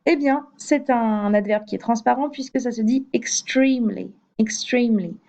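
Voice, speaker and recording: A woman's voice: a little high, moderate pace, mellow. A woman teaching an English grammar lesson in French, patient, with fillers and hesitations, repeating each example twice.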